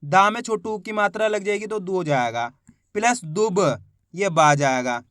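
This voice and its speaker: Male reading teacher, high-pitched, dry close sound, patient syllable-by-syllable delivery. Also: fairly even intonation, fairly bright tone, smooth, no echo. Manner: sounds out syllables slowly, asks pupils questions. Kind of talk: step-by-step spoken lesson.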